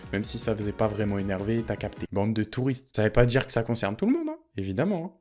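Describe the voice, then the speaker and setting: A young Frenchman with a French accent vlogs straight to camera, joking and chatting casually with viewers he addresses as tu. His voice is fairly low, sing-song, a little fast and a little mellow, with soft music in the background.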